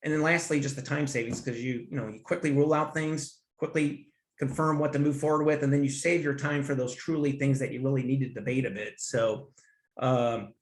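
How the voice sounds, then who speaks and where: A man's voice: mid-range voice, steady tone, brisk. A man who is a guest on a business podcast, talking enthusiastically and rambling with restarts. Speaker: guest, finance consultant. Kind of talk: conversational interview. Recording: roomy echo.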